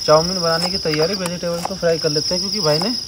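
Young male camping vlogger, casual and excited, loud cricket noise behind. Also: fairly high pitch, fast talker. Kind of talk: casual outdoor vlog chat. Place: forest campsite at night, outdoors.

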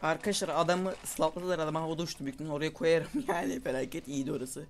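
A young man giving casual, excitable commentary over his own gameplay, calling out moves to his viewers. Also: on the high side, rapid-fire, gravelly, faint music behind. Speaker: gaming YouTuber. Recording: faint game noise and gunfire behind.

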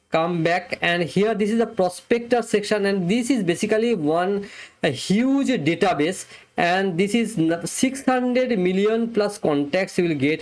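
A young man giving a plain, step-by-step screen-recorded software review and demo, talking close to a webcam mic in a small room. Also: high voice.

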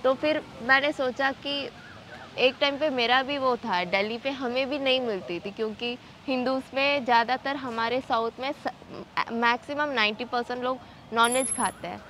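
Chatty young woman over loud ambient noise. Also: high-pitched, moderate pace. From Tamil Nadu, India. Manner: chatty, explains with quoted dialogue. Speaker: student interviewee. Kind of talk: casual interview.

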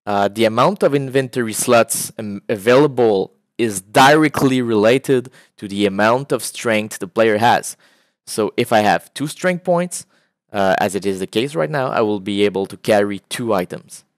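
A man's voice: lowish voice, moderate pace, dry recording. Man, game dev demoing his prototype, easygoing, fills gaps with "uh", dry close recording. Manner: relaxed, with frequent "uh" fillers. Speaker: indie game developer. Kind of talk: casual gameplay walkthrough.

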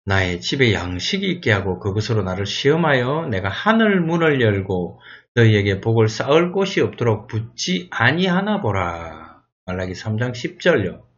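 A man tutoring through a Bible exam review lesson, reading verses aloud and sounding out English words slowly. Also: fairly low pitch, big pitch swings, dull audio.

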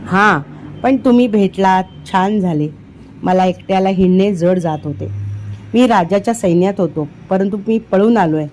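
A woman's voice: medium pitch, normal speed, darkish tone, slight background noise, close to an everyday voice. A woman reading the part of a cheerful, carefree wandering soldier of about forty in a storybook. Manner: cheerful, chatty.

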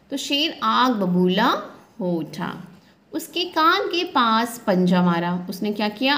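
A young woman teacher who reads a story aloud to children, then explains it again and asks the class questions. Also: fairly high pitch. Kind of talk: storytelling lesson, reading a textbook to children.

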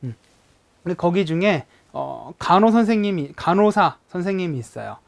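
A young adult language teacher giving a recorded lesson who explains slowly, with many hesitant fillers, and imitates sounds to illustrate words. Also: mid-range voice, expressive, gravelly.

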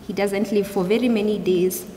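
A young adult woman giving a youth service sermon in a measured, explanatory way, often rephrasing as she goes. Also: medium pitch, fairly even intonation, mellow. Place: large church hall, indoors. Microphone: gooseneck pulpit microphone. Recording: echoey hall, clear background noise.

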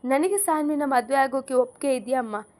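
A woman's voice: high voice, normal speed, a little mellow, natural voice. A woman reading an audiobook story, voicing an earnest young man who speaks firmly and plainly. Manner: firm, plain.

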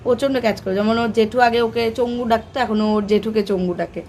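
A woman's voice: fairly high pitch, fairly even intonation, a little fast, a little mellow. Woman, young, vlogger, casual chat to camera, rambling with fillers, faint background noise. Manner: rambling, many fillers and restarts.

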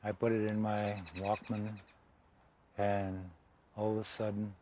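A man recounting a personal memory in an interview, flat and unhurried. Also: lowish voice, muffled recording, a little hiss or hum. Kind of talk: interview recollection.

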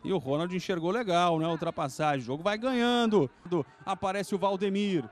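A Brazilian man giving excited live play-by-play football commentary, exclaiming and stretching out his big calls. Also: high-pitched. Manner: exclamatory, with drawn-out shouted calls.

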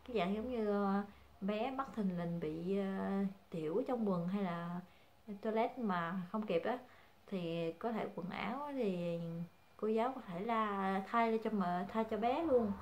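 A young woman chats to her viewers as a mother. She pauses often and fills the gaps with soft fillers as she goes. Her voice sits mid-pitched, with a faint ambient hiss behind it. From Vietnam. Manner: hesitant, many fillers, calls viewers family. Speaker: vlogger, mother. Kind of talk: casual chat to viewers.

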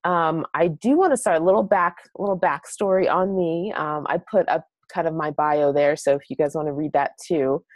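An American woman in her late twenties from New Hampshire, appearing as a guest presenter and blog strategist, gives a casual webinar presentation in a chatty, encouraging way. Her voice sits low and has a darkish tone, moving at a moderate pace with few pauses in a dry recording.

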